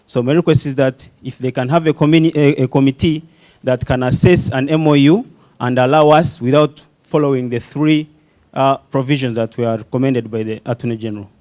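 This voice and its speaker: A man's voice: mid-range voice, steady tone, a little fast, darkish tone. Earnest young man asking at a conference. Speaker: audience member, youth entrepreneur. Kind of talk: question from the floor at a conference.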